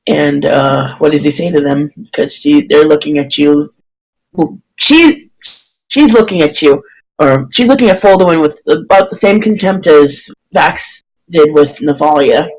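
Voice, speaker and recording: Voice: medium pitch, unhurried, a little mellow, low-quality recording. A dungeon master narrating a tabletop game in a hesitant way, with frequent fillers and restarts.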